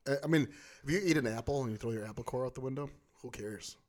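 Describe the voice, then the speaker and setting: Casual man around forty, mid-pitched voice. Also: fast, crowd noise. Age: 40s. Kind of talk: casual podcast chat.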